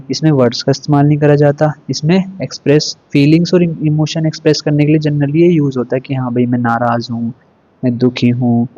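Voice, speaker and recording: A man teaching an exam revision lesson in a relaxed, informal way. He keeps asking rhetorical questions and checking in with his students. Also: mid-range voice, no echo, muffled recording.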